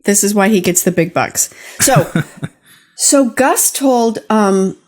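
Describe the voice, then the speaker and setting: Personal stories come through in a mid-range, darkish voice that's expressive and slow. The older podcast host keeps it casual and conversational, talking directly to those listening.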